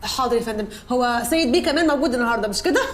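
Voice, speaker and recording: Woman playing a pushy Egyptian journalist, cheeky, very fast, high voice. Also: fairly bright tone, slight background noise, natural voice.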